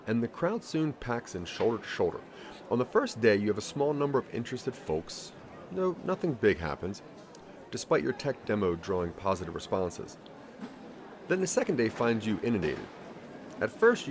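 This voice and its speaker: A man with a lowish voice narrates a scripted interactive audio story in the second person, using a theatrical storytelling delivery, with slight background noise.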